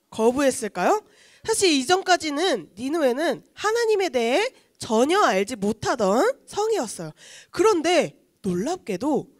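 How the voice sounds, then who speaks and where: A woman's voice: sits high, no room sound, studio quality. A woman children's pastor telling a Bible story to kids, asking them questions as she goes. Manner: asks the children questions, acts out quotes.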